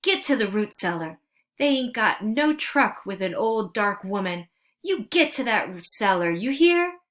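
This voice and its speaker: A woman's voice: medium pitch, big pitch swings, unhurried, bright, forceful tone. Storybook reading: woman voicing a fierce, protective elderly woman, urgent and scolding. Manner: urgent, scolding folksy speech.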